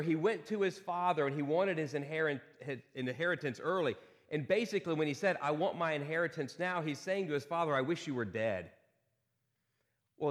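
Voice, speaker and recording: A man's voice: medium pitch, long reverb tail. A man preaching a sermon as pastor at a pulpit microphone in a church, earnest and repeating key lines with rhetorical questions. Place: church sanctuary.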